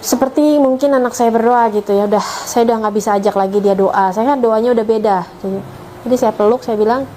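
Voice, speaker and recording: A woman's voice: fairly high pitch, fast, warm tone, slight background noise, low-quality recording. A middle-aged woman, earnestly telling her personal story with emotion. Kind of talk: personal testimony.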